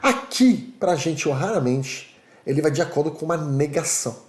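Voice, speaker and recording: A native French man with a French accent teaches in an animated, lively voice that sits a little high. The sound carries a noticeable room echo. He checks in constantly with his students as he explains. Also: normal speed. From Paris, France. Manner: animated, repeats "tá?" to check understanding. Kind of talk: online language lesson.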